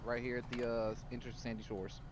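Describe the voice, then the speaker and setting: A man's voice: mid-range voice, level tone, a little fast, background noise. A man calling in urgent, clipped updates over a police radio transmission as a patrol officer in a roleplay.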